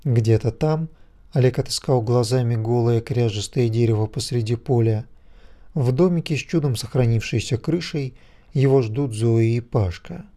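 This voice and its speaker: Brief: male audiobook narrator, calm and measured, warm dark timbre. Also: mid-range voice.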